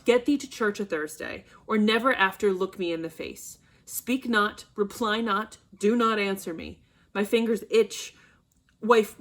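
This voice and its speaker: Brief: woman as a furious old nobleman father, bossy and loud, shouting bursts, classroom play reading. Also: medium pitch.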